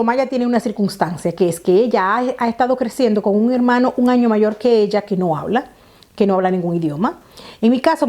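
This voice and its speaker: A woman's voice: a little high, dark tone. A woman from the Republic, talking to camera in a casual, explanatory way, often repeating herself. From Dominican Republic. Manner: explanatory, repeats phrases, many fillers. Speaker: vlogger.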